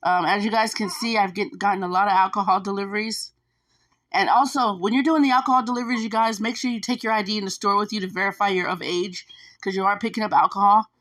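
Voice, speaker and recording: A woman's fast, steady, medium-pitched voice with a slightly bright edge carries this casual advice vlog. As a gig food delivery driver, she talks chattily to viewers, repeats herself, and fills the gaps with lots of fillers.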